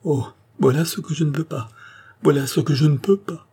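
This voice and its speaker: A trembling, pleading young noblewoman, as a male audiobook reader puts her on, her lines lifted well above his low voice. Her exclamations climb sharply while a husky, dusky grain stays underneath. It is a storybook voice of forbidden love. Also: normal speed, dark tone. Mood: anguished. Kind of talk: audiobook reading of a novel.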